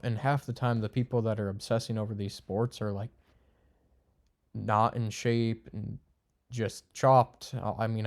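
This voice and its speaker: A young man with a lowish voice and darkish tone gives unscripted commentary to camera, ranking types of friends. He's blunt and crude, rambling with plenty of fillers.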